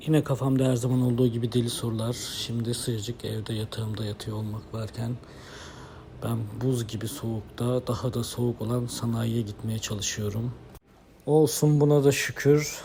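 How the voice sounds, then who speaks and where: A man narrating his day as a motovlogger in a wry, deadpan, storytelling way with folksy turns of phrase. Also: medium pitch. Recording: steady background noise.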